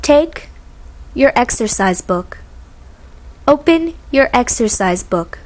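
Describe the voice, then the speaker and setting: Slow, high-voiced woman reading commands. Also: expressive. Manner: slow, clearly articulated, pausing after each phrase. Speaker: English instruction reader.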